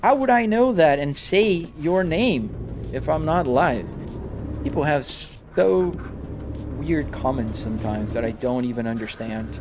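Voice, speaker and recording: Over background music, a Brazilian man with a mixed Brazilian-American accent casually chats with his stream audience from a home sim rig, answering comments as they come and often starting over. He speaks unhurriedly in a fairly high, expressive voice.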